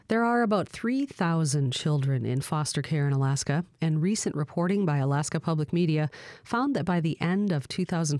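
A woman's voice: deep voice, a little mellow, no echo, clean studio sound. A woman hosting a radio talk show, presenting scripted introductions and questions to guests.

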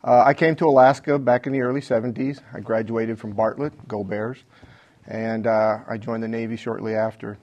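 A middle-aged man speaking as a political candidate in a debate, plain-spoken and blunt, with halting phrasing. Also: lowish voice, flat delivery, highs cut off. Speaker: congressional candidate. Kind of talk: unscripted debate statement.

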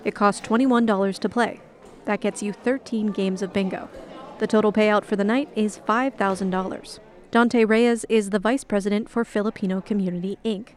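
A woman's voice: mid-range voice, fairly even intonation, moderate pace. Woman radio reporter narrating a news feature.

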